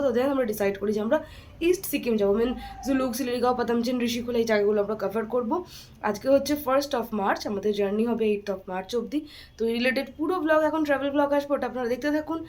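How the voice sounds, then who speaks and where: A woman's voice: on the high side, a little mellow. A young woman with a Bengali accent, chatting directly to her viewers in a casual travel vlog. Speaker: travel vlogger.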